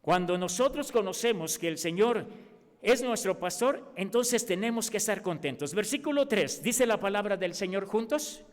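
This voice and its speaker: A man with a Mexican accent preaching a sermon as pastor, animated and acting out the voices he quotes. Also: high voice, moderate pace. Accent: Mexican Spanish. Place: church. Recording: long reverb of a church hall.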